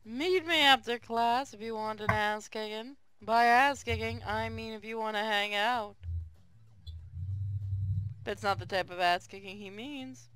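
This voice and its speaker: A co-streamer chats casually over a game, commenting in a blunt, crude, teasing way and sometimes reading a line of dialogue. The voice is medium-pitched, unhurried, a bit bright and smooth. Audio quality is poor.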